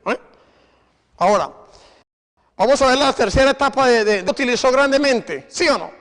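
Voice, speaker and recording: A man's voice: very high voice, expressive, normal speed, a bit bright. A male preacher giving a sermon, exhorting his congregation and firing rhetorical questions at them. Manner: exhorting, repeats "imagine". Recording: long reverb of a hall.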